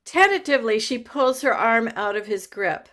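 A woman reading the stage directions aloud at a play reading in a measured way. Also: a little high, lively intonation, fairly bright tone.

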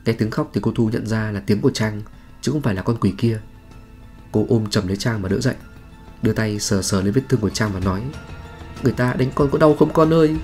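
A man's voice: on the low side, steady tone, fast, a little mellow. A man reading a scripted horror story in a dramatic, suspenseful manner. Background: faint music.

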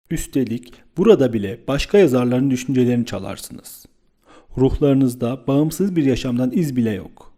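Guy doing a loud bossy young friend, scolding, mellow voice but pushed louder. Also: medium pitch. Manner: forceful, scolding, raised voice. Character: young man, loud, blunt, hot-tempered friend.

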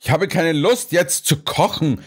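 A man reading an audiobook, voicing a blustering, indignant restaurant owner who protests loudly and huffily. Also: fairly high pitch, a little slow, husky, voice pushed up. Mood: protesting. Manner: huffy, loud, protesting.

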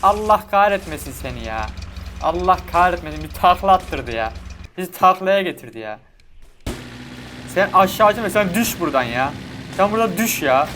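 Excitable high-voiced man narrating a game. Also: normal speed. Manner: excitable, chatty, slangy, talks to viewers. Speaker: gaming YouTuber. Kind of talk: casual let's-play commentary. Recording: game audio and vehicle noise behind.

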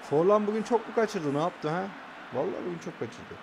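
A man's voice: sits high, expressive, fairly quick, creaky, background noise. A young man casually commentating his own football video game match, calling out passes and trash-talking his opponent.

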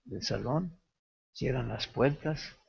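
Man telling an animated sermon story. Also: mid-range voice, takes it slowly, vocal fry, breathy edge, dull audio. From Mexico. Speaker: pastoral ethics teacher. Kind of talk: sermon-style lecture.

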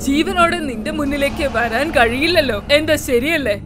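A woman's voice: sits high, normal speed, background noise, lightly acted. A woman voicing the ghost of a dead young woman who pleads with her friend to join her. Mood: coaxing. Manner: pleading, insistent. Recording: music behind voice.

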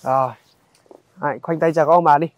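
A young man, narrating a casual outdoor vlog in a halting, conversational way and speaking directly to viewers. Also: fairly high pitch, steady tone, no room sound, dull audio. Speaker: vlogger. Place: outdoors in a highland village.

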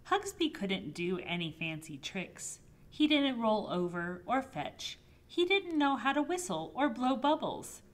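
A woman librarian reading a picture book aloud to toddlers, gently and expressively. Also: on the low side. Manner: gentle, expressive storybook reading with soft voices for characters. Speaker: children's librarian. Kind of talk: toddler storytime read-aloud.

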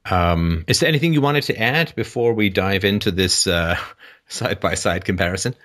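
A man hosting a call-in show, explaining at length in a conversational way, often pausing with ums and restarting phrases. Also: deep voice, fairly bright tone. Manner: hesitant, frequent ums and restarts.

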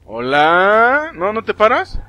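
A young man with a Mexican Spanish accent, giving live gameplay commentary, excitable and swearing often as he talks to game characters. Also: high voice, moderate pace, muffled recording. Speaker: gaming streamer.

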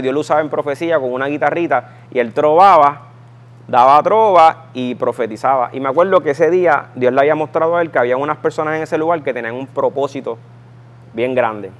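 A man in his thirties with a Puerto Rican Spanish accent, telling his personal conversion story in an emphatic, storytelling way. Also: medium pitch. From Puerto Rico. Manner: storytelling, emphatic, acts out voices in quotes. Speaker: guest giving a testimony.

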